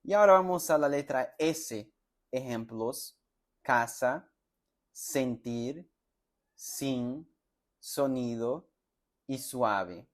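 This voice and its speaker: A man teaching a pronunciation lesson, slowly sounding out example words and syllables for learners to repeat, with friendly check-in questions. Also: mid-range voice. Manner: slow, deliberate, sounds out words and syllables for repetition; friendly, addresses students directly with check-in questions. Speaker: Spanish teacher.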